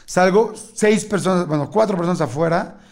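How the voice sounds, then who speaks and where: A middle-aged man with a Mexican accent tells a story in loose, casual conversation. His voice sits high for a man and has a gravelly edge. He acts out the lines of everyone in the story. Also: moderate pace. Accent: Mexican Spanish. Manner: animated storyteller acting out dialogue.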